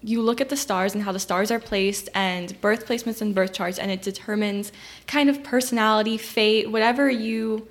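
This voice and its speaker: A woman's voice: medium pitch, steady tone, normal speed. Young woman guest, easygoing chat. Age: young adult. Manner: easygoing, filler-heavy. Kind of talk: casual chat.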